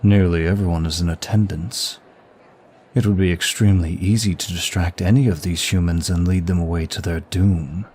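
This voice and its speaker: In an ASMR roleplay, a man plays a suave, teasing demon prince of lust who is bored and sadistic. His low, slightly mellow voice is languid and husky, and his mood is sly and probing.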